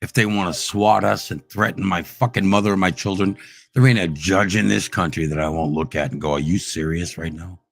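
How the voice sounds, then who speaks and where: Profane ranting man, low voice. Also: steady tone, a little fast, gravelly. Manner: profane, aggressive, swings between shouting and low growls. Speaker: streamer ranting at online trolls. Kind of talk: heated livestream rant.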